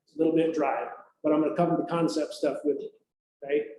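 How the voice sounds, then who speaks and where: In a very reverberant workplace hall with faint background noise, a middle-aged police trainer addresses a group with an easygoing safety briefing, checking in repeatedly with "right?". His voice is fairly high and even in tone, and he talks fast.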